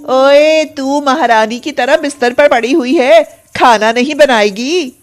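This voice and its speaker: A woman's voice: mid-range voice, lively intonation, unhurried, soft background music, lightly acted. A woman voicing a cruel middle-aged aunt in a cartoon, insulting and scolding in a harsh voice.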